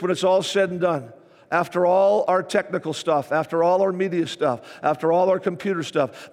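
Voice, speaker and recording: A man preaching a sermon as pastor, repeating his phrases with emphasis. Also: sits high. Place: church sanctuary. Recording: reverberant church hall.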